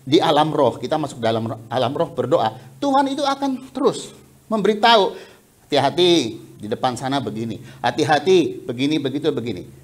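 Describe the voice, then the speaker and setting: Animated high-voiced man preaching. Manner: animated and chatty, breaks into laughter. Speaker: pastor. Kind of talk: sermon. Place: church sanctuary. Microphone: headset mic resting on the cheek.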